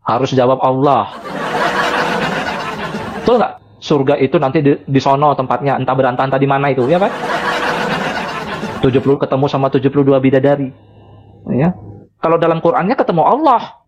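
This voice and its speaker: A man's voice: mid-range voice, quick pace, long pauses, dull audio, noisy background. A man talking casually on a live stream as a religious debater, mocking and chuckling between phrases.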